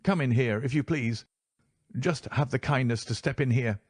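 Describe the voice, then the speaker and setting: A man's voice: mid-range voice, moderate pace, a little mellow, breathy edge, no room sound, studio quality, pitched above the performer's own voice, natural voice. A man voicing a nervous, frightened fat older man with a reedy, quivering voice. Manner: anxious, pleading.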